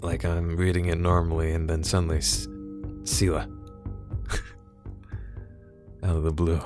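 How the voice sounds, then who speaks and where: A man's voice: deep voice, completely flat delivery, a little slow. A male streamer chatting casually while playing a game, rambling and poking fun at himself. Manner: rambling, self-mocking, laughs often. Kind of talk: casual gameplay commentary. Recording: music playing behind.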